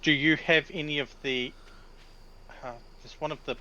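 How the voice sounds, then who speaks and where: A man's voice: a little high, steady tone, moderate pace, pushed and bright, muffled recording. A man streaming a video game with casual, conversational chat. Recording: clearly noisy background.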